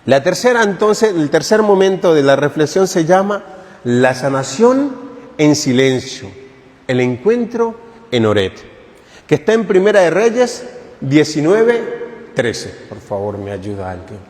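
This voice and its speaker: A man's voice: on the high side, big pitch swings, measured pace, darkish tone, long reverb tail. A man who is a priest, giving a catechesis sermon at a retreat in a conversational, joking way and putting questions to the congregation. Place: parish church.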